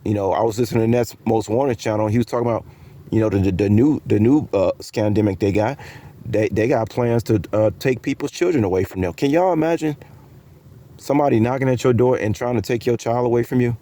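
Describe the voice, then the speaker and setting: A man's voice: medium pitch, quick pace, mellow. A man talking to his viewers in a casual, rambling, conspiratorial vlog monologue, full of fillers and restarts. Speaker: vlogger.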